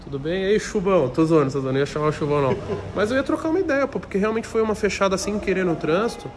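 A man's voice: sits high, sing-song, very fast. A man hosting a casual vlog, slangy and joking, calling people "pai". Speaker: vlogger host. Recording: busy crowd noise around.

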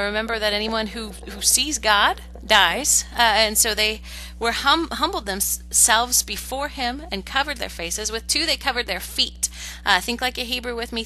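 Bright-voiced woman teaching Bible study. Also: fairly high pitch, a little hiss or hum, low-quality recording. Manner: earnest teaching with frequent "uh" and restarts.

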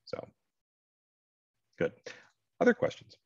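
The middle-aged American host of an online advising session takes his time, his voice slightly mellow as he explains things informally and directly to the audience. He's on a video call indoors, and the call microphone captures dull, lo-fi sound without echo.

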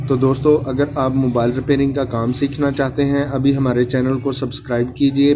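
Addressing viewers as friends, a man at medium pitch guides them through fixing a phone, repeating every instruction as his hands do the work. This step-by-step tutorial narration was captured in a noisy home recording.

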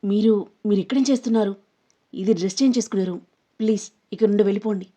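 A woman voicing a frightened but defiant young woman in an audio story, speaking sharply and loudly. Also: on the low side, level tone, quick pace, breathy edge. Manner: sharp, shouting, pleading. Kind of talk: storybook narration.

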